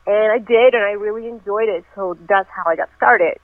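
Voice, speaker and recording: Her mid-range voice moves at a moderate pace on a dry, tinny telephone recording. This Venezuelan-raised personal trainer is a guest in a relaxed phone interview, recounting her life in detail.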